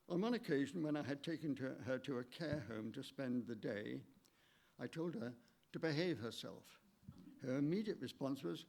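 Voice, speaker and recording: An older man, giving a measured, halting eulogy for his late wife in a church, read from notes with small stumbles. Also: mid-range voice, vocal fry, a little mellow.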